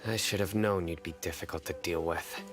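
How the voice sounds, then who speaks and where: Give me a man doing a stern, threatening official with a very low voice over game music. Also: fairly even intonation, a little fast, close to an everyday voice. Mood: cold. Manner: low, clipped, menacing. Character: stern male desert official, cold and threatening.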